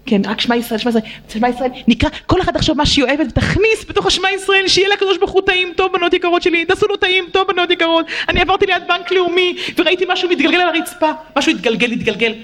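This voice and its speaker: A middle-aged woman telling a sermon story to girls, leaping high and slow into quoted and prayed lines, tearful at times. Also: fairly bright tone. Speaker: religious teacher addressing girls.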